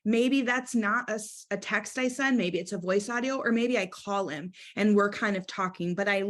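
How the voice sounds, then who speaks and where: A woman's voice: medium pitch, normal speed, fairly bright tone. A young woman giving a sales training talk, upbeat and chatty, acting out sample scripts as she goes.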